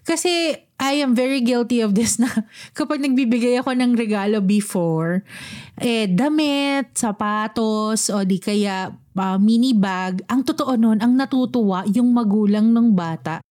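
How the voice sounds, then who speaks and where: Woman, fairly high voice, casual chat, Taglish, laughs easily. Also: measured pace, darkish tone. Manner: chatty, laughs often, mixing Tagalog and English.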